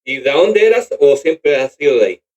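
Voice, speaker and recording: A Chilean-accented man hosts a radio interview, friendly and chatty. His voice sits a little high for a man and moves lively up and down in pitch. He greets and questions his guests with easy warmth of manner. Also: a little fast. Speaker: radio host.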